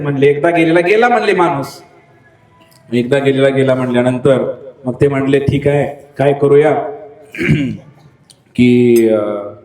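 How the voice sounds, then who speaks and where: A male preacher with a Marathi accent tells a long story in a sermon and slips into the characters' voices and cries. His voice sits high and animated. The recording has a roomy, echoey hall sound.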